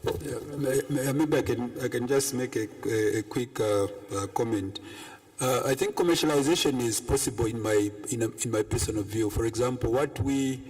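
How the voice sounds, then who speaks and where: Man from Zambia, panel participant, halting and hesitant, middle-pitched voice. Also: darkish tone. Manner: hesitant, many fillers and restarts. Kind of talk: spontaneous panel comment. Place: conference room.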